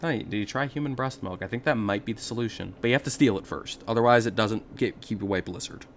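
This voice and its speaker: A man's voice: fairly low pitch, fast, a little hiss or hum. Joking, profane male game streamer. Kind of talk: casual game commentary.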